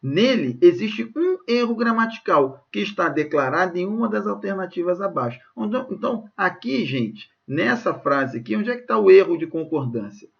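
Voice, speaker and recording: A man's voice: sits high, sing-song, normal speed, creaky, hardly any pauses, muffled recording. A man with a Brazilian Portuguese accent teaches an exam prep lesson, explaining grammar questions and checking in with his students often. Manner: didactic, checks in often with "ok?" and "gente".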